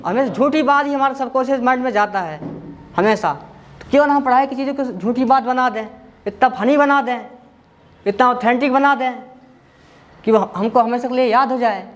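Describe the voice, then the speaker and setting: A man's voice: extremely high pitch, moderate pace. A man teaching a memory class, reciting long lists by rote and then quizzing his students in a casual, chatty way.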